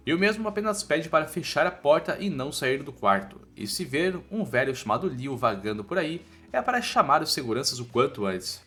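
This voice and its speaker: Fairly high-pitched and sharp-toned, this Brazilian-accented man narrates a scripted recap of a comic story in a playful, colloquial way, over background music.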